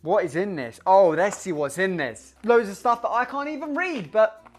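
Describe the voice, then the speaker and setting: A young man chatting casually in a home video, excitable, rambling and sweary. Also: sits high, normal speed, faint music behind. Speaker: vlogger. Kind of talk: casual vlog chat.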